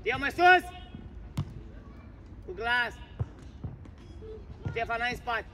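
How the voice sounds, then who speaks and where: A youth football coach on an outdoor pitch, barking short commands and players' names. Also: male voice, lively intonation, sharp tone, recorded from a distance. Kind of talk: sideline coaching shouts. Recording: outdoor pitch with children's crowd noise.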